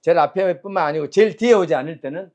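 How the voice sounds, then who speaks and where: A man's voice: on the high side, fast talker, a little mellow. A man teaching Chinese characters and tones, quizzing his students and drilling sounds aloud in a call-and-response lecture.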